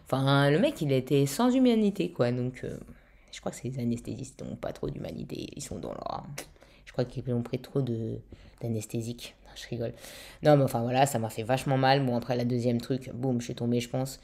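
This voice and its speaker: A young woman talks casually to her viewers in a very low, dark, mellow voice. She chats loosely, swears now and then and fills gaps with lots of "euh". Her throat is still a touch weak. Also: brisk, gravelly. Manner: chatty, swears casually, many fillers. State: throat slightly weak after intubation. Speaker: vlogger. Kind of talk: casual vlog chat.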